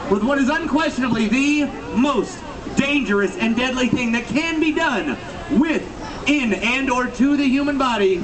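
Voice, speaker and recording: A man's voice: very high-pitched, expressive, moderate pace, noisy background. A man working a crowd as a sword-swallower sideshow barker, with theatrical, emphatic showman's patter. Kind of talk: live sideshow pitch to a street crowd. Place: busy street outside an attraction, later its lobby. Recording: distant mic, crowd around.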